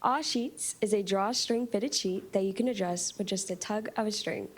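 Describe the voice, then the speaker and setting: Young female co-founder, mid-range voice, scripted startup pitch to a panel. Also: moderate pace. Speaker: startup team member pitching. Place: meeting room, standing before seated judges.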